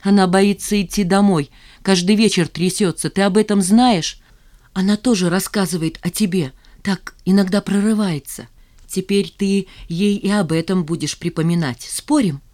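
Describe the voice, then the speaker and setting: A woman reading an audiobook, voicing a reckless young woman who taunts and shouts, her voice raised and loud. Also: mid-range voice, normal speed, natural voice. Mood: taunting.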